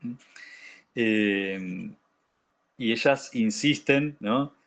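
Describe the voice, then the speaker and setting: A man's voice: on the low side, very slow. A man leading a reading group, commenting on a classic text in a hesitant way with many restarts.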